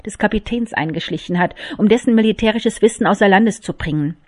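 A woman reading aloud, voicing a cold, mocking male army lieutenant who interrogates slowly and scornfully. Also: mid-range voice, darkish tone, natural voice. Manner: icy, scornful, deliberate.

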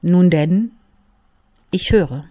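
A woman reading aloud, voicing a cold, mocking male army lieutenant who interrogates slowly and scornfully. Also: on the low side, warm tone. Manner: icy, scornful, deliberate.

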